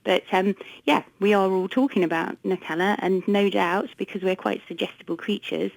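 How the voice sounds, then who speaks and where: A woman with an English accent talking as a research director on a radio interview, brisk, wry and explanatory. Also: mid-range voice, vocal fry, no echo, rough recording. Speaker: consumer research director, studio guest. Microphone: studio microphone.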